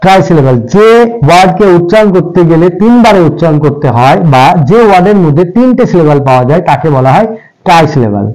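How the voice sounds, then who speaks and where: A man's voice: on the high side, expressive, a little mellow, poor audio. Patient man teaching in a raised voice. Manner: patient, repeats each point, stretches out example words slowly. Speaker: English grammar teacher. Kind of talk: classroom-style explanation in Bengali.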